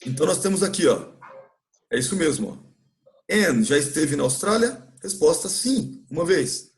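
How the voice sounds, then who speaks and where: A man's voice: fairly high pitch, sing-song, moderate pace, soft background music. A Brazilian man teaching an English class in a church classroom, patiently explaining grammar and often checking with his students.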